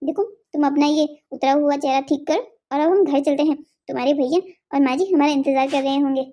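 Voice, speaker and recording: Cartoon wife: woman playing a gentle, reassuring young woman, high and mellow. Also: fairly even intonation, a little fast, close to an everyday voice. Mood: caring. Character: brave, caring young wife, the elder sister-in-law.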